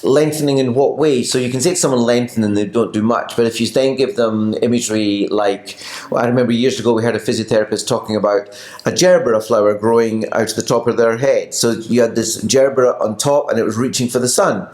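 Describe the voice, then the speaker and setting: A man's voice: mid-range voice, fairly even intonation, fast talker, a little mellow. Scottish man chatting in a roomy space. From Scotland. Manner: wry, teasing asides. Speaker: Pilates teacher and co-host. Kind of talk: casual chat. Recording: roomy echo.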